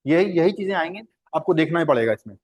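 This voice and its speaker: A male teacher with a somewhat high, expressive, slightly rough voice talks fast while leading a Hindi translation lesson. Patient and repetitive, he puts questions to the class and answers them himself, in a conversational, instructive style.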